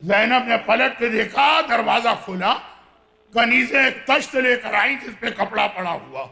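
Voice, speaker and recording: A male preacher narrating a mourning sermon in an impassioned, declamatory way that often rises to a shout. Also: very high-pitched, animated, gravelly. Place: Islamic center gathering hall.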